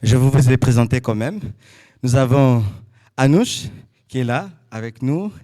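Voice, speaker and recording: A man's voice: medium pitch, animated, a little slow, dark tone, natural voice. A man playing a teasing Congolese brother presenting his family in a drama, speaking in short phrases with wry asides. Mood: wry, relaxed.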